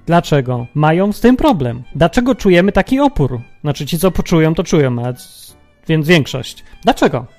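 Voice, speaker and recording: Speaking at a normal speed, this podcast host has a notably high, slightly mellow voice and a very animated delivery. He wanders through a thoughtful religious monologue at his own pace, pondering out loud and peppering the listener with rhetorical questions while soft music plays underneath.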